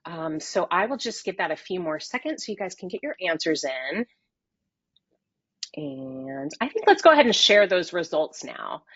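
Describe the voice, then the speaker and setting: A woman's voice: fairly low pitch, big pitch swings, normal speed, a bit bright, husky, no room sound. Upbeat woman moderating a webinar. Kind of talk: hosting a business webinar. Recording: slightly dull, dry audio.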